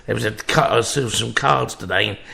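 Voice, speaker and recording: A man's voice: on the low side, a little fast, vocal fry, sharp tone. A man telling a crude, sweary story in a casual chat.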